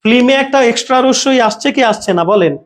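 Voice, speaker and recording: High-voiced man teaching grammar. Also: fast talker. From Bangladesh. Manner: repeats questions to students, checks understanding often. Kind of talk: live online class.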